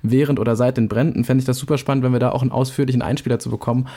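A man's voice: medium pitch, steady tone, rapid-fire, mellow. A young man co-hosting a podcast in casual chat, chatty and teasing. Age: young adult. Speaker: podcast co-host.

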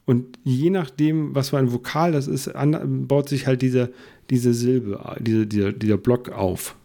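Gravelly, dark-voiced man explaining. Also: mid-range voice, fairly even intonation, measured pace. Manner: explains at length with many restarts and fillers. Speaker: podcast guest. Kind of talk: casual podcast chat.

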